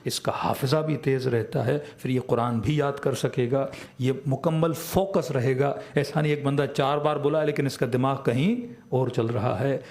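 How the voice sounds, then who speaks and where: A man's voice: mid-range voice, steady tone, hardly any pauses, darkish tone. A man with a Pakistani Urdu accent giving a religious lecture as a cleric, who often asks a question and then answers it himself. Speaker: Shia cleric.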